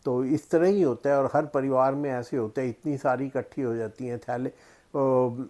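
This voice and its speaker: A middle-aged man from Punjab chatting as a vlogger, explaining things in an unhurried storytelling way with many pauses. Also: medium pitch, fairly even intonation, dark tone. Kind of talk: casual explanatory chat.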